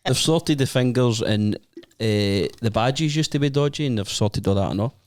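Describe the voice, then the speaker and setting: Mid-pitched Scottish man, casual chat. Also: normal speed, darkish tone, dry recording.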